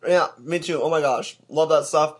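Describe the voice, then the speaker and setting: Laid-back young man, husky voice. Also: on the high side, moderate pace. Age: young adult. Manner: laid-back, chatty, filler-heavy. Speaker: podcast co-host. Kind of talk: casual chat.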